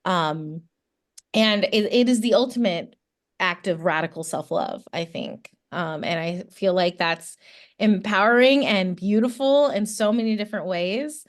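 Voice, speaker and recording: A woman guest on a podcast, a new yoga teacher, answering in a thoughtful, halting way with many ums. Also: mid-range voice. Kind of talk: casual interview answers.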